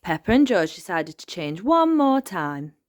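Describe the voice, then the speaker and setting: Slow, expressive woman reading a storybook. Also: lowish voice. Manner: gentle, clear and expressive. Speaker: channel host reading to children. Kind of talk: children's storybook read-aloud.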